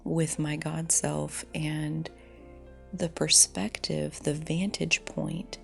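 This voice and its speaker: Speaking into her phone's voice recorder like a dictaphone, a solo storyteller reflects in a halting, personal manner with long pauses. Her voice is low-pitched and breathy, fairly bright in tone with little pitch movement, frequently fading toward a whisper over soft background music.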